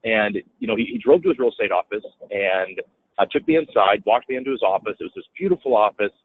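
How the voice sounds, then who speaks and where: A man's voice: on the low side, fast talker, creaky. A man telling a story in a casual interview, acting out other people's lines in a raised voice. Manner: animated, acts out quotes in a raised voice. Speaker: guest, real estate businessman. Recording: tinny phone-like audio.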